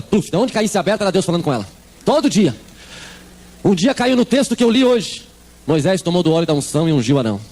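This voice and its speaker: A man with a Brazilian Portuguese accent preaching a comic testimony sermon, acting out the voices in his story. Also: fairly high pitch. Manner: animated storytelling, acts out voices.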